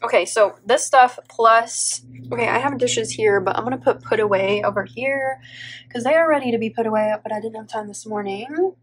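With slight noise in the background, a woman in her thirties speaks at a moderate pace in a voice on the high side, nasal from allergies. She teaches and runs a planner vlog, and here she chats through a casual plan-with-me voiceover, saying "like" a lot and giggling a little, while an overhead camera looks down at her planner on a table at home.

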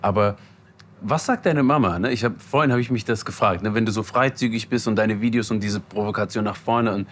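A man's voice: fairly low pitch, a little fast, slight background noise. A man in casual chat, easygoing, with a lot of agreeing murmurs. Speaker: guest.

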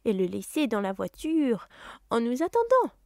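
A woman doing a shrill spiteful aunt. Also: very animated, normal speed, creaky, no room sound, clean studio sound. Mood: snappish. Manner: high, sharp and loud. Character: shrill snappish middle-aged aunt, fussy and spiteful.

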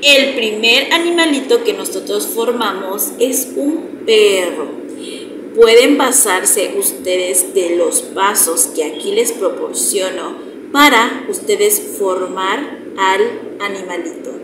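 A woman with a Mexican Spanish accent, a primary school teacher, summarizing the day's class slowly and directly for her pupils. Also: mid-range voice, expressive. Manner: slow, explanatory, addresses pupils directly. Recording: roomy echo with clear background noise.

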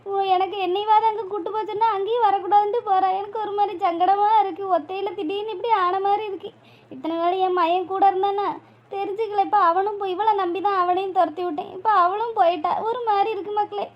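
A woman's voice: extremely high pitch, steady tone, fast, dull audio. A woman voicing a grieving old village mother, weepy and pleading. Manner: weepy, pleading, calls listener "makkale".

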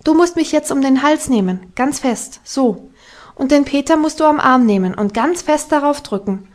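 A woman reading an audiobook voices a lively, strong-willed little Alpine girl, eager and commanding. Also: high voice, moderate pace, pitched above the performer's own voice. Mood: instructing.

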